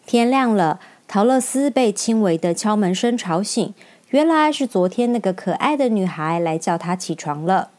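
A woman storyteller reading a children's story aloud in an expressive, lively way. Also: mid-range voice, normal speed.

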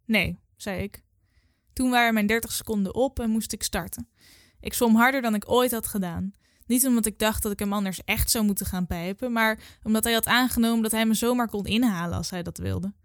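A woman in her twenties reading her own literary story aloud in a calm, measured way. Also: a little high, no room sound, clean studio sound. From Netherlands. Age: 20s.

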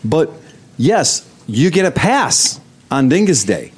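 A man's voice: on the high side, takes it slowly, husky. A man from Cleveland, hosting a casual group podcast and telling stories with lots of swearing and laughter. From Cleveland, Ohio. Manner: animated storyteller, swears and laughs often. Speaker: podcast host.

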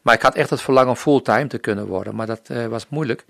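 A man from the Netherlands shares his missionary testimony in an interview, speaking earnestly and acting out the conversations he remembers. His voice sits in an ordinary middle pitch. The recording is dry and close, with no room echo. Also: fast talker, vocal fry, a bit bright. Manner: earnest storytelling, often acting out remembered dialogue. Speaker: missionary guest. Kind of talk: personal faith testimony in an interview.

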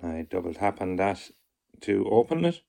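A man presenting a step-by-step software demonstration in a measured, methodical way. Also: sits low, big pitch swings, gravelly. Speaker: tutorial presenter.

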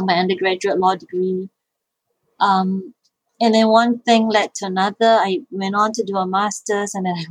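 This medium-pitched voice comes from a middle-aged Malaysian guest, an IP lawyer and social enterprise founder, who answers questions thoughtfully while frequently restarting and repeating herself. The audio has no echo but is poor.

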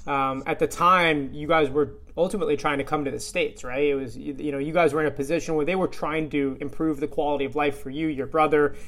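A man's voice: on the high side, steady tone, fast, hardly any pauses, a bit bright. A man hosting a podcast in a casual interview, earnest and rambling with many fillers. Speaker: podcast host.

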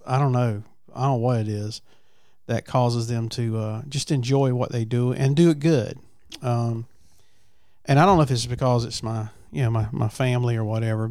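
A man hosts a relaxed chat from a farm. His gravelly voice is dry and close, and his delivery is folksy and halting. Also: medium pitch, no room sound. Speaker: podcast host. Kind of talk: casual chat. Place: at a family farm.

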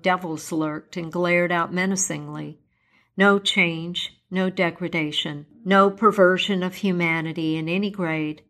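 A woman's voice: on the low side, a bit bright. A woman storyteller reading a classic tale aloud and then sharing her own earnest reflection.

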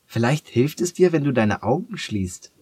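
A man with a husky voice voicing a cheerful, kind young girl who wears leg braces, in a storybook reading. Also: mid-range voice, big pitch swings, moderate pace, no echo, pitched above the performer's own voice. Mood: encouraging. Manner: bright, coaxing storybook girl voice.

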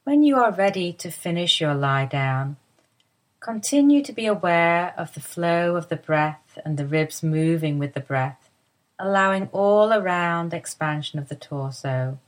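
A woman giving soft, soothing guided instructions for a body-awareness lie-down. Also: on the low side. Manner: soft, slow, soothing guidance. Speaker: movement teacher guiding a lie-down.

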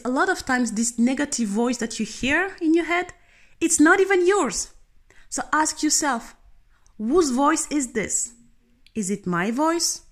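Earnest woman giving a motivational talk. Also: fairly high pitch. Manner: earnest, animated, speaks directly to the listener. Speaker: tennis coach.

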